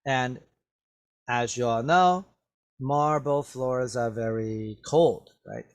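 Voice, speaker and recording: A man's voice: mid-range voice, slow pace. A man teaching English, reading a story aloud to students and explaining the words, patiently repeating each one several times into a webcam.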